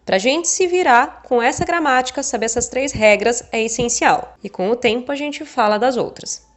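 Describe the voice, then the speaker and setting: A woman's voice: on the high side, normal speed. A woman explaining grammar rules in a casual, playful way, spelling out letters and repeating memory tricks. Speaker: English teacher.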